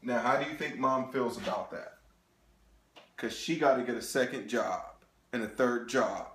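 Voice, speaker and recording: Animated man presenting in an echoey room. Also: medium pitch, normal speed, slight background noise. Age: 30s. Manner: animated, talks to the audience, frequent "okay?". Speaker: financial presenter. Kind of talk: sales seminar presentation.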